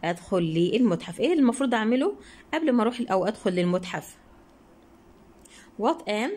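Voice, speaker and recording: A young woman with an Egyptian Arabic accent, teaching English grammar and answering workbook questions. She reads English sentences slowly, then explains them fast and keeps asking her students rhetorical questions. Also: medium pitch, animated, a little mellow, slightly rough.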